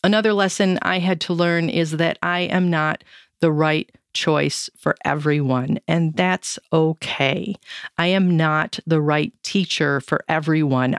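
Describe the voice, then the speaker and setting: A woman's voice: low voice, fairly even intonation, unhurried, clean tone, no echo, clean studio sound. A woman hosting a solo podcast, talking candidly and reflectively about lessons from running an online business, with a touch of sarcasm.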